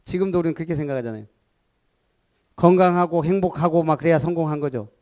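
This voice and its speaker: A pastor from Gunsan in South Korea's Jeolla region delivers a sermon in a high, animated voice at a quick pace. He preaches with energy, asks rhetorical questions, and calls on listeners to repeat after him.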